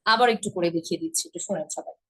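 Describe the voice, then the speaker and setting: A woman teaching pronunciation in a class, who says each sound slowly and repeats it, then asks the listeners questions. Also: fairly low pitch, bright, forceful tone, slightly rough, poor audio. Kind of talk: online class lesson.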